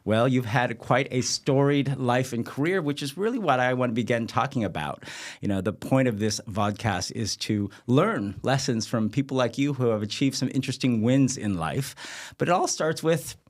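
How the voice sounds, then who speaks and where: A man's voice: mid-range voice, lively intonation, normal speed. A man in his fifties, born in Vietnam and raised in the United States, hosting an interview with polished introductions and questions. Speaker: host. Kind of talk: interview host.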